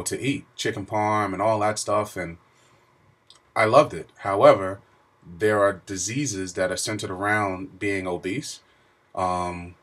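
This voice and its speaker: A man's voice: fairly low pitch, fairly bright tone. A middle-aged man chatting casually to his viewers in a video diary, with an informal, emphatic storytelling manner. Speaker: vlogger.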